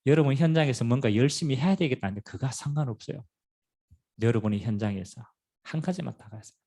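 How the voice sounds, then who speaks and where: Middle-aged male pastor, rough husky timbre, very animated sermon delivery. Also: mid-range voice, quick pace. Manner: animated preaching with sudden loud and quiet swings. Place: church sanctuary.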